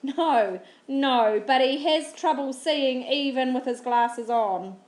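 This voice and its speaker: Calm wise woman, as a reader voices her. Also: high-pitched, slow, roomy sound. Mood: gentle.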